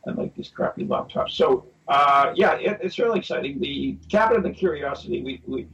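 A man's voice: on the high side, expressive, a little fast, fairly bright tone, muffled recording. A man chatting over a video call from a home office, with dry, teasing banter; his voice comes through echoey and distant. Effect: echoey, distant call audio. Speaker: podcast co-host.

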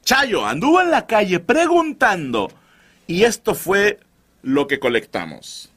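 Animated Mexican man telling crude jokes. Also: high-pitched, measured pace, husky. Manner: crude, animated, joking slang. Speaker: podcast host and comedian. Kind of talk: loud comic storytelling.

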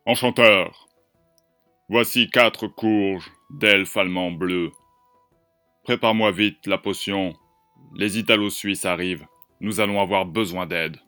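Man as a commanding king: forceful, close to his own low voice, with faint music behind. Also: fairly even intonation, slow, pauses often, no room sound, heavily acted. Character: hurried commanding male king.

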